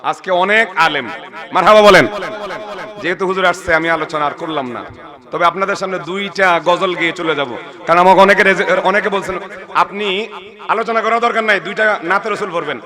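A male preacher with a Chittagonian accent delivers a sermon, his voice high and ringing. He keeps calling on the gathering to answer back and slips into drawn-out chanted lines. A big crowd murmurs around him at a live event. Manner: calls on the crowd to respond, breaks into slow chanting. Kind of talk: Islamic sermon with chanted devotional verses.

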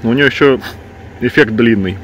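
A man's voice: medium pitch, normal speed, fairly bright tone, a little hiss or hum, rough recording. A man chatting casually in a coarse, amused, joking way.

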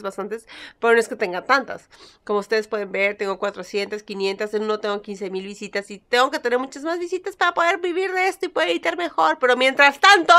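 A woman's voice: fairly high pitch, pushed and bright. A young Peruvian woman with a Spanish accent that carries some Mexican touches, chatting playfully to camera and answering critics with mock sweetness. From Peru. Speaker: vlogger. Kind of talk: casual chat to camera.

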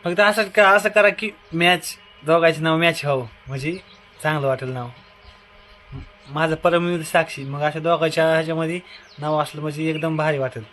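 A man's voice: a little high, fairly even intonation, moderate pace, a little hiss or hum. A young man from Maharashtra, a family vlogger, chatting casually and repetitively to his viewers outdoors by his house on a phone camera. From Maharashtra, India. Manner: chatty and repetitive, often calling loudly to his wife. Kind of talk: casual vlog talk to viewers.

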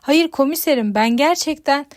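A woman's voice: high voice, moderate pace, no echo, studio quality, pitched above the performer's own voice, close to an everyday voice. A woman doing a sarcastic young woman in a cell. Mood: exasperated. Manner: sarcastic, exasperated.

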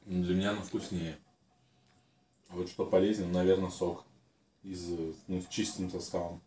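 Low, mellow man chatting while chewing. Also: level tone, normal speed, far from the mic. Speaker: co-eater answering questions. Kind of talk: casual chat while eating. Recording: roomy echo, some background noise.

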